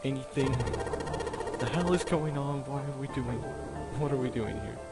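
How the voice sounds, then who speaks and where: A man's voice: on the low side, flat delivery, moderate pace, over loud music, close to an everyday voice. A man voicing a panicked young man demanding answers. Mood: frantic. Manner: loud, frantic questioning.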